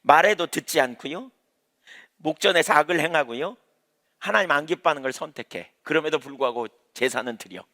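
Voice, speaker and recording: This pastor's evening sermon comes in a pushed, bright voice that sits on the high side, moving fairly quickly. He preaches emphatically at the prayer service, repeating key lines and asking rhetorical questions, all in a reverberant church hall.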